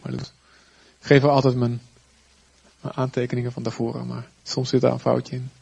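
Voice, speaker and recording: A man preaching a sermon in a lively, conversational way with chatty asides. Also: medium pitch, normal speed, creaky, breathy edge. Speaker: pastor.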